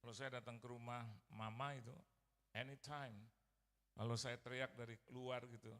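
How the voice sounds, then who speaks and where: A man's voice: medium pitch, flat delivery, normal speed, a bit bright. A middle-aged male pastor preaching a sermon as a personal story, acting out quoted voices and mixing in English phrases. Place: large church hall. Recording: church hall reverb.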